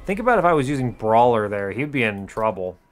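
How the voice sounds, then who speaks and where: A man provides casual play-by-play for his gaming video, keeping his comments short, dry and understated while music plays behind him. He talks fast at a medium pitch, with big swings in pitch.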